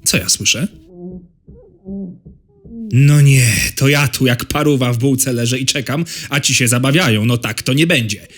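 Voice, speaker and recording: A jaded baby's inner voice, done by a man in a comedy cartoon-style monologue. The voice is an adult one of middling pitch, crude, sardonic and grumbling. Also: normal speed, long pauses, close to an everyday voice. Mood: bored, grumbling. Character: cynical, foul-mouthed baby's inner voice, world-weary.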